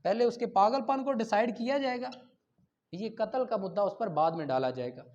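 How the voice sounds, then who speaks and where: A Pakistani man with a high-pitched, slightly mellow voice gives a classroom law lecture at a fairly quick pace, reading statutes aloud and explaining them didactically. He switches between Urdu and English and often checks that students are following. The lo-fi lecture recording sounds dull.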